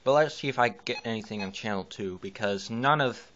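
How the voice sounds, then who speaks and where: Filming indoors at home from behind the camera, a man who vlogs about weather radio as a hobby keeps up a loose running commentary, frequently pausing and correcting himself. His mid-range voice is brisk and a bit bright. The handheld camera mic makes the audio muffled, with background hiss.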